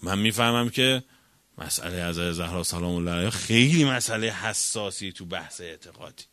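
A man lecturing on religion with a bright, forceful tone and a combative, questioning delivery. He swings from loud emphasis to hushed asides. The recording is dry and close. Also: sits low, no room sound. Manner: argumentative, rhetorical questions, swings between loud and quiet. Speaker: cleric lecturer.

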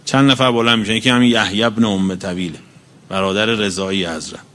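A man delivering a sermon in a bright, forceful voice. He recites Arabic passages and then explains each one in everyday speech. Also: fairly low pitch, fairly even intonation, slight background noise. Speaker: cleric. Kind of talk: religious sermon.

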